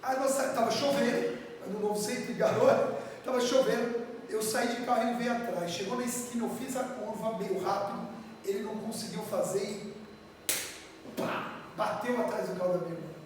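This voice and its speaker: A woman preaching from São Paulo, Brazil, telling her testimony to the congregation with lively acted-out dialogue. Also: fairly high pitch, moderate pace, slight background noise. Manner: animated storyteller acting out dialogue, addressing the congregation. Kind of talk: sermon storytelling. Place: church hall. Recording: echoey church hall, distant mic.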